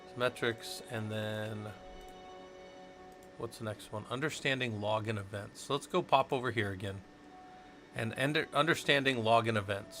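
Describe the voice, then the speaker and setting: A man from the Southwest United States runs a casual live-stream tech tutorial, rambling and thinking out loud while chatting with viewers as he works. His voice is mid-range.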